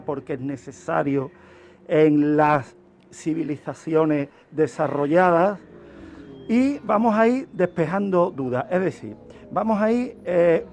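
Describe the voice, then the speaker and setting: A criminologist presents a radio segment, giving an explanatory talk in a didactic style where he asks questions and then answers them himself. His voice is on the high side and a little mellow, with slight background noise.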